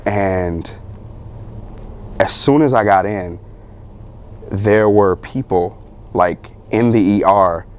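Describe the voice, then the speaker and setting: A young man, a guest on a talk show, telling his story in a loose, animated way, with many fillers and bursts of laughter. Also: fairly low pitch, takes it slowly, pauses often. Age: young adult. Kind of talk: casual storytelling interview.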